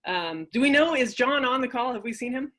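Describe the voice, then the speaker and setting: A woman speaking in a bright, lively tone over a video call. She talks in a relaxed, chatty way, keeping the conversation loose. She sounds at ease. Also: fairly high pitch, a little fast. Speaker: associate athletic director. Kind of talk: casual video call chat.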